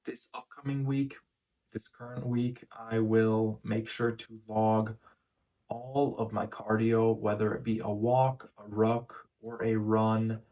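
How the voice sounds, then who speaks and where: A man talking casually in a first-person vlog recap, phrasing things in a measured, deliberate way with pauses. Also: lowish voice, level tone, mellow, highs cut off. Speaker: vlogger.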